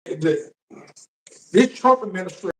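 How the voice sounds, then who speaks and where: A man hosting a live political news stream as a shock jock, talking casually to viewers in a halting way and repeating words. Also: high-pitched, animated, fairly bright tone. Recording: roomy echo, distant microphone.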